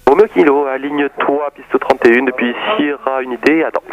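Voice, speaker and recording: A man's voice: medium pitch, fairly even intonation, fairly quick, muffled recording, a crowd in the background. A man giving informal, conversational air traffic control instructions over the radio. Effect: radio transmission.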